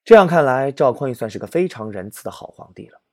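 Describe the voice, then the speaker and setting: A man narrating history as a comic story, animated and exaggerated. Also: mid-range voice, quick pace, dry recording, clean studio sound.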